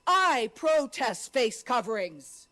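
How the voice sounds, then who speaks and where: A woman's voice: on the high side, sing-song, slow, fairly bright tone, faint music behind. An older woman from the United States making solemn, emphatic declarations in a protest speech. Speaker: citizen speaking at a public meeting.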